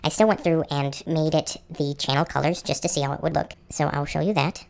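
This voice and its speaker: A man presenting a casual, explanatory slideshow narration, his voice electronically pitched up like a helium chipmunk. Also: fairly even intonation, a little fast, vocal fry, a little hiss or hum. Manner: conversational, explanatory. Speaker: channel host presenter.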